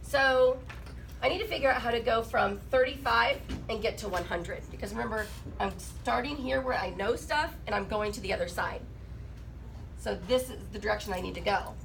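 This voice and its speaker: A woman's voice: a little high, normal speed, gravelly, fairly bright tone, slight background noise, low-quality recording. A woman teaching a math class while sick. She asks her students questions and jokes with them. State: sick, rough voice. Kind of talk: classroom lesson.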